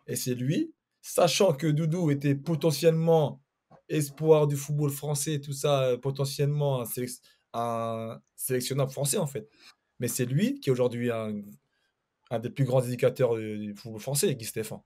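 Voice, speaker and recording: A man's voice: mid-range voice, moderate pace, mellow. Male ex-player from Paris, middle voice, loose anecdotal storyteller. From Paris, France. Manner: storytelling, hesitant with fillers. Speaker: former footballer, panel guest. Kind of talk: casual chat.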